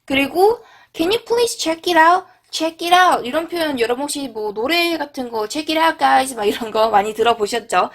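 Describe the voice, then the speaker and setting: A woman teaching an English lesson, repeating English phrases slowly and clearly. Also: sits high, animated.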